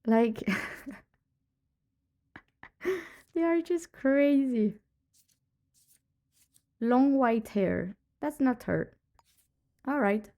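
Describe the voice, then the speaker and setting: Speaking extremely slowly and pausing often, a woman with a voice on the high side streams a detective game; the audio's highs are cut off. Though a cold has lowered her voice, she chats casually with her live-stream audience and laughs frequently as she plays.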